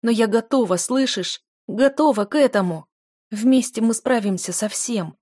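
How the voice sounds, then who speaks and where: A woman's voice: medium pitch, fairly quick, a little mellow, no echo, studio quality, close to an everyday voice. A woman voicing a desperate young female student in love, pleading emotionally with a raised voice.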